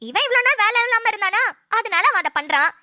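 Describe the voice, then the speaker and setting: Sarcastic daughter-in-law, bright tone, lively pitch, cartoon, a woman voicing her. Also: quick pace, no echo, clean studio sound, full character voice. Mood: chiding. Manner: sarcastic, mocking. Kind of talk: cartoon voice acting.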